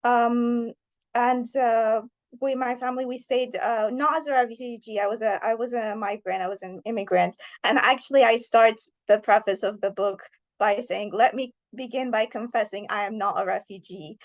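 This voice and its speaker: A woman's voice: a little high, fairly even intonation, moderate pace. A woman in her thirties, originally from Iran, an author answering interview questions thoughtfully and earnestly.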